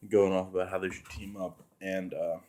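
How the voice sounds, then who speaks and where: A man's voice: low voice, flat delivery, normal speed, dark tone. A man casually reviewing a film while drinking, rambling and swearing with lots of fillers. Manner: rambling, profane, full of fillers. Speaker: movie reviewer.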